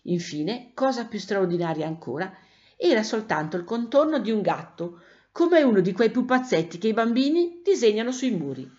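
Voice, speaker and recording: A woman narrating a children's story aloud, expressive and animated, in a dull lo-fi recording. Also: medium pitch, moderate pace.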